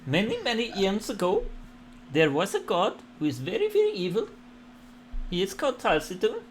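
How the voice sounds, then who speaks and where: A man voicing a gracious, gentle earth and fertility goddess in a tabletop role-play, speaking in formal, questioning phrases. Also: high voice, huge pitch swings, moderate pace, a little hiss or hum, pitched above the performer's own voice. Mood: grave.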